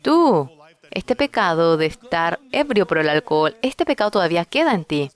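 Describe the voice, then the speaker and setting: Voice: medium pitch, big pitch swings, moderate pace, clear, resonant tone, lightly acted. A preacher voicing Satan as an accusing evil spirit, who lists a listener's sins in harsh, scolding tones during a sermon.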